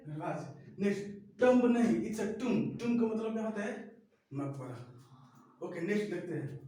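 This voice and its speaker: A man teaches English words in a drilling, call-and-response way, asking questions and answering them himself. His voice is high but mellow. It sounds strongly echoey, recorded from a distance. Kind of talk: classroom-style spoken lesson. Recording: echoey room, far from the mic.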